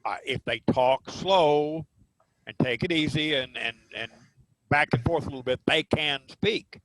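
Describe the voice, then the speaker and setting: A man's voice: on the high side, unhurried, fairly bright tone, poor audio. A man in a casual panel discussion, explaining his points emphatically. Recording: faint background noise.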